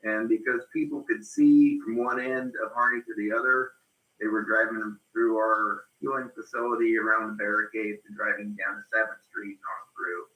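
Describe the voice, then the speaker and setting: A man's voice: on the low side, level tone, moderate pace, sharp tone. A man raising a practical concern in plain, informal meeting talk. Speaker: meeting participant. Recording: roomy, echoing meeting audio.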